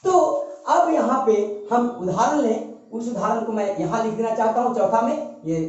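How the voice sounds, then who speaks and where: Lively, echoey classroom teacher, man. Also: very high-pitched, moderate pace. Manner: repetitive, emphatic explaining with frequent "है ना" tags. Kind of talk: classroom grammar lesson. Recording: echoey room, distant dull mic.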